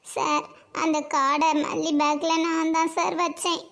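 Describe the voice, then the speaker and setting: Woman with Tirunelveli Tamil accent, very high voice, scripted school drama, plays several schoolgirls. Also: level tone, measured pace, creaky, soft background music. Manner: voices several schoolgirls, pleading and sharp by turns.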